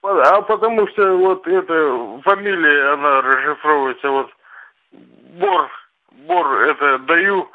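A man's voice: fairly high pitch, slow. A man from Russia calling in to a live show over a tinny phone line, joking as he explains. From Chelyabinsk, Russia. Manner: jokey, explaining. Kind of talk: phone-in chat.

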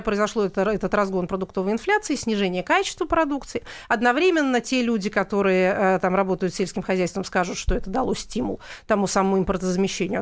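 A woman commentator on a panel discussion, speaking in a measured, hedging way with many pauses. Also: mid-range voice. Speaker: political commentator.

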